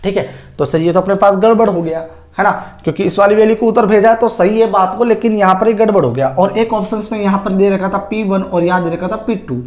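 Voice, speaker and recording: A man's voice: high voice, fast, darkish tone. A male chemistry teacher lecturing at a whiteboard, posing rhetorical questions to the class and answering them himself. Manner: asks himself rhetorical questions and answers them, calls students "sir" and "child". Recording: echoey room.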